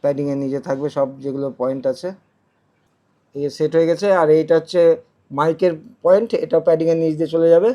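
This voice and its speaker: A vlogger with a warm, somewhat high voice demonstrates how to install a product, talking quickly with fairly even intonation. His casual tutorial walks through each step, and he often repeats phrases as he works. The high frequencies are cut off.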